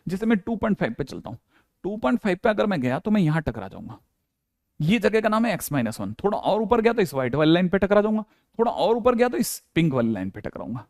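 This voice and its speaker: A man's voice: high voice, sing-song, fast talker, a little mellow, no echo, clean studio sound. A male maths teacher giving a casual board lecture, often checking in with the class and acting out the students' questions. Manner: chatty, repeats "ठीक है" often, acts out students' questions.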